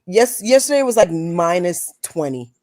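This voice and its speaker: Panelist, woman, sarcastic, animated pitch, dry close sound. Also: normal speed, no room sound. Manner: sarcastic, teasing. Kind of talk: casual chat.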